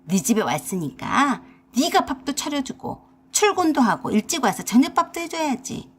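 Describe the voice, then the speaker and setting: A woman's voice: a little high, big pitch swings, moderate pace, slightly rough, full character voice. A woman voicing a bossy, scolding older mother-in-law with an in a radio drama. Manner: harsh, nagging, scolding.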